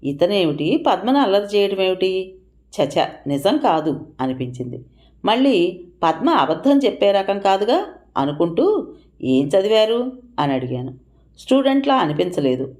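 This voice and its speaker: A woman narrating an audio story in an expressive manner, lifting her voice for quoted speech. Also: lowish voice.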